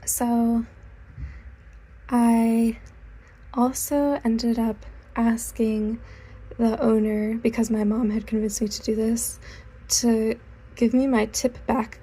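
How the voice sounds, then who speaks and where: Young woman rambling thru a storytime while she draws, kinda high voice, keeps correcting herself. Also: warm tone, husky. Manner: rambling, self-correcting, chatty. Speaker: artist vlogger. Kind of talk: casual storytime while drawing.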